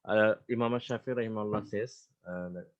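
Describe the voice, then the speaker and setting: A man teaching an Arabic grammar lesson, explaining step by step with frequent pauses and fillers and reciting Arabic phrases. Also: lowish voice, fairly even intonation, dull audio.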